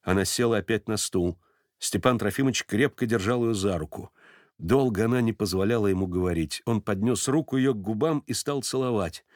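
A man narrating a classic novel as an audiobook, in a measured, expressive reading. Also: fairly low pitch, no room sound, studio quality. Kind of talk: scripted literary narration.

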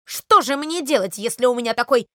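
A woman's voice: a little high, lively intonation, sharp tone, dry recording, clean studio sound. A woman voicing a hot-tempered talking milk. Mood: huffy. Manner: huffy, quick to flare. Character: hot-tempered boiling milk pot, female.

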